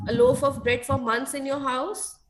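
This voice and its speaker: A woman's voice: high-pitched, level tone, normal speed, soft background music. A woman with an Indian accent teaching an online children's class, asking checking questions and repeating key points. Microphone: online video call.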